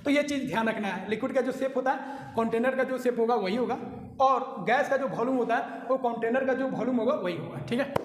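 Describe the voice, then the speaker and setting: A man teaching a recorded lecture, explaining patiently and often pausing to check that listeners follow. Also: extremely high pitch, slight background noise. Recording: echoey hall with long reverb.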